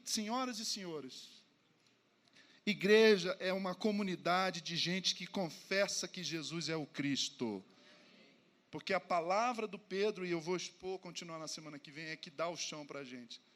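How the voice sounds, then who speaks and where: A man with a Brazilian Portuguese accent, a pastor preaching to his congregation with animated, self-mocking storytelling and acted-out dialogue. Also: sits high, measured pace. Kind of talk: humorous sermon storytelling. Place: church service before a congregation.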